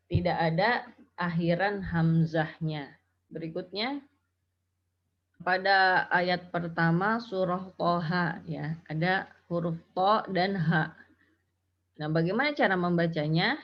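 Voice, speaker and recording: A woman teaching Quran recitation rules, explaining patiently and chanting example syllables. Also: fairly low pitch. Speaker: tajwid teacher. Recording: dull lo-fi audio.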